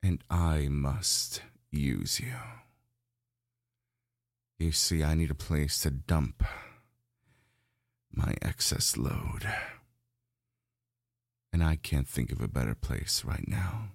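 A lustful, domineering dragon, as a man acts it out, growling slow, gloating commands in a voice pitched extremely low. The sound is gravelly and unhurried. It is recorded dry and close, like an audio roleplay. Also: no room sound, heavily acted.

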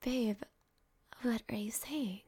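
A young woman whispering softly and affectionately to a partner in an ASMR roleplay, speaking close to the microphone. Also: on the high side, slow, husky, no echo. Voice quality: soft whispering, intimate and affectionate. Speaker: girlfriend in a roleplay.

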